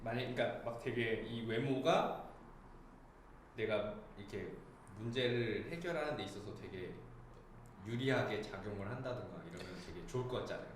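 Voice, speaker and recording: A man's voice: fairly low pitch, normal speed, reverberant, slight background noise. A man hosting a casual student radio talk show, musing aloud and often laughing between remarks. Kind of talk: casual chat.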